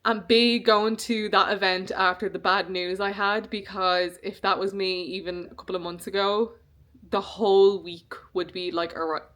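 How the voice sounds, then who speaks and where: A woman's voice: medium pitch, level tone, moderate pace, fairly bright tone. A young woman chatting casually to camera in a vlog, rambling along with frequent ums. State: hiccuping. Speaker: beauty vlogger.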